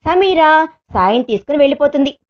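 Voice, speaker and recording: A woman narrating a serialized love story in a steady storytelling manner. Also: high voice, a little fast, highs cut off.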